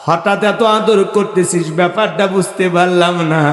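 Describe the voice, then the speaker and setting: A man's voice: sits high, steady tone, moderate pace, natural voice. Grieving old mother, voiced by a preacher. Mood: sorrowful. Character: grieving, wounded old mother, tender and forgiving. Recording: echoey hall over loudspeakers.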